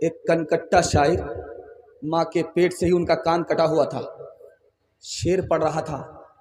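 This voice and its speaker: A man's voice: fairly high pitch, level tone, slow, darkish tone. A man preaching an Islamic sermon, telling stories with quoted dialogue and chanted verse. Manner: storytelling with dramatic quotes and sung verse. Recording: long hall reverb.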